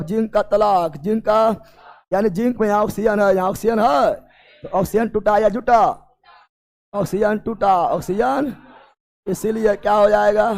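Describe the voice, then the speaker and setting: A high-voiced male teacher drills his class with repeated questions. His voice is gravelly and he often shouts or slips into a sing-song. He keeps up a loud call-and-response.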